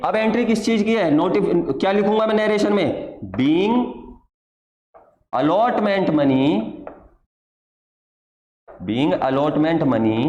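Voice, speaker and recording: A high-pitched male teacher lectures patiently, posing questions and answering them himself. He drags out dictation word by word so students can copy. The room is echoey, with a long reverb tail. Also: a little hiss or hum. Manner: patient, calls students "my child". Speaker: accounts teacher. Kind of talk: classroom lecture.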